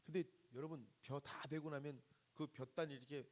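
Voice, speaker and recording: A man's voice: on the high side, fairly even intonation, normal speed. A middle-aged man preaching a sermon, telling a story and asking the congregation questions, acting out the voices of the people in it. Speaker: guest pastor preaching at a revival service.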